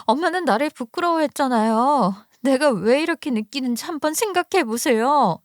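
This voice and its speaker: A woman's voice: high-pitched, lively intonation, moderate pace, no echo, studio quality, voice pushed up. A woman voicing a bitter, defiant young woman. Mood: bitter, accusing. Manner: bitter, accusing, raised voice. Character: defiant young woman confronting her mother.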